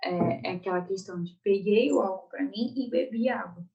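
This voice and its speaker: A woman's voice: mid-range voice, moderate pace, vocal fry, muffled recording. A woman with a Brazilian Portuguese accent teaching an online exam-prep Portuguese lesson, explaining step by step and checking in often with her students.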